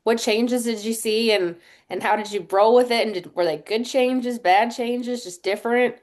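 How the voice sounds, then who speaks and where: A woman's voice: on the high side, normal speed, a little mellow. A woman who is a coach hosts a casual interview, talking in a friendly, loose way and rephrasing as she goes.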